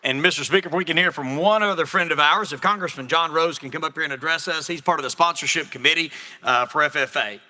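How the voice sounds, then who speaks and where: Upbeat, fast-talking state legislator. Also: male voice, on the high side, pushed and bright. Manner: upbeat, friendly. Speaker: state representative. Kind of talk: floor proceedings. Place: legislative chamber.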